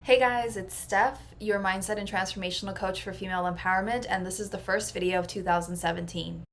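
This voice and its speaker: A woman's voice: medium pitch, steady tone, brisk, slight background noise. A woman personal transformation coach talking through a casual vlog monologue in an earnest, reflective way. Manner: earnest and reflective, level delivery.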